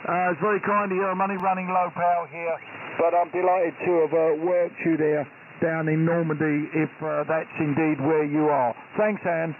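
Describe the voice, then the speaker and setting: High-pitched man on tinny radio. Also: flat delivery, moderate pace. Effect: shortwave radio transmission. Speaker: amateur radio operator. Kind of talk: ham radio exchange with call signs. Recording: tinny shortwave link with faint static.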